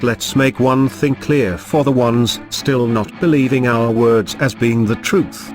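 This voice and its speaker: Disguised man's voice over music. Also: medium pitch. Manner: solemn, measured declarations. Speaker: anonymous spokesman. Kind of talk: scripted manifesto reading. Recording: over loud background music.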